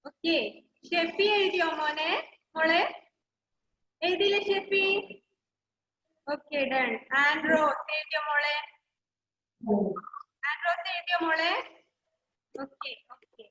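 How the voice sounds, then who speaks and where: A woman's voice: very high-pitched, fairly even intonation, slow, long pauses, pushed and bright, a little hiss or hum. A woman with a Malayali English accent, teaching young children in an online class and coaxing them with repeated questions. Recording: echoey, slightly dull video-call audio.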